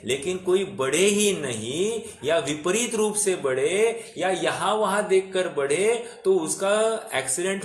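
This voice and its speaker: A man teaching a scripture class, asking his students questions and explaining slowly and patiently with many pauses. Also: fairly high pitch, slight background noise. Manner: asks the class questions and repeats their answers. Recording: echoey room recording.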